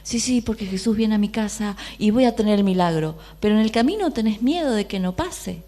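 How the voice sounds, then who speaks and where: A woman's voice: mid-range voice, a little fast. A woman with a Rioplatense Argentine accent preaching a sermon, often asking the audience questions and briefly voicing the people in the story. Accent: Rioplatense Spanish. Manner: lively, questioning the audience, acting out quoted voices.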